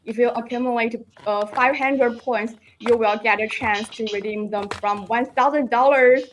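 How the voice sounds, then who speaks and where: A woman's voice: on the high side, fairly even intonation, normal speed, noisy background. A woman hosting a live product launch stream, promoting a deal and urging viewers to join a giveaway.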